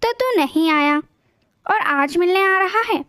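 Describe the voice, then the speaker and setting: A woman's voice: extremely high pitch, expressive, a little slow, a bit bright, dry recording, clean studio sound, full character voice. Cheerful young husband, voiced by a woman narrator, friendly and casual.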